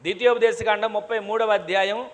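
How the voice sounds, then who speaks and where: A man's voice: high voice, steady tone, fast talker. A man preaching a sermon to his congregation, repeating phrases and asking rhetorical questions, often calling on them to say amen. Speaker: pastor. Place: church hall.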